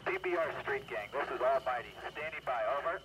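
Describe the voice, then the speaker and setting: An actor playing a calm army radio operator, making a clipped call over a walkie-talkie radio. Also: male voice, mid-range voice, quick pace, husky, no echo. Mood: steady. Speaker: military radio operator calling a patrol boat.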